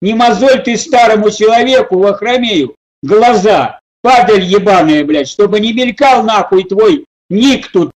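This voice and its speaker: A man's voice: sits high, animated, unhurried, poor audio. A man doing a foul-mouthed cranky old man. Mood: scolding. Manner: abusive, scolding, rants in short bursts. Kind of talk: game voice chat.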